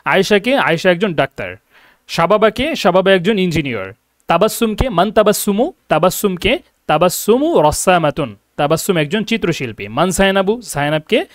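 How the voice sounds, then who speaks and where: A young man teaching an online Arabic class, explaining slowly and often checking that students understand. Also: sits high, expressive, no echo, clean studio sound. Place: lives and teaches from abroad.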